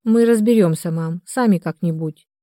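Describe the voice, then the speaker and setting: A woman's voice: fairly low pitch, moderate pace, dark tone, no room sound, clean studio sound, natural voice. A woman reading the part of a grown, pregnant daughter who answers curtly, in an audiobook. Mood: guarded.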